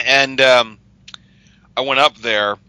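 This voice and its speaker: A man chatting casually on a podcast as a paranormal investigator, excitable and talkative. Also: mid-range voice, drawn-out words, gravelly, smooth, no echo, low-quality recording. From Utah.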